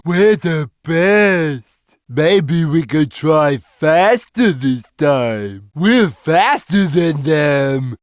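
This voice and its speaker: A man voicing a big, gentle, slow-witted cartoon cat in a video game, with a simple, drawn-out, childlike, friendly delivery. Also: a little high, no echo, clean studio sound, full character voice. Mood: earnest, simple.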